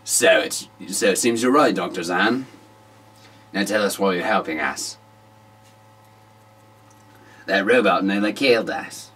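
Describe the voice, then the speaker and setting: A man reading out a male game hero's lines in a lowered voice, questioning a scientist with suspicion. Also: normal speed, a bit bright, husky, recorded from a distance. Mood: suspicious.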